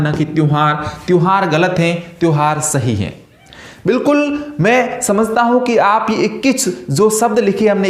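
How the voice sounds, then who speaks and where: A man's voice: high voice, reverberant. A man teaching a grammar lesson to students, asking questions and answering them himself in a patient, repetitive way.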